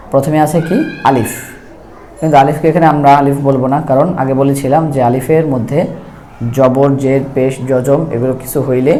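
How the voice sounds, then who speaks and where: A man teaching Quran reading with a Bangladeshi Bengali accent, spelling out Arabic letters one by one in a slow, patient, repetitive way. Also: medium pitch, mellow, slight background noise. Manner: patient, spells letters slowly and repeats them. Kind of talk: slow step-by-step recitation lesson.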